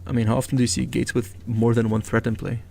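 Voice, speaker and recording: A man commentating live on a card game, breaking down plays and joking with his co-hosts. His voice is gravelly with a touch of fry, and there is faint room ambience behind him. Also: medium pitch, flat delivery, fast, darkish tone, a little hiss or hum. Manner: analytical, chatty and joking. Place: event venue.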